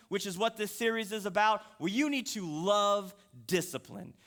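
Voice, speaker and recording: A man's voice: high-pitched, bright, forceful tone. A man preaching a sermon in a conversational, joking, storytelling way. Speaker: pastor.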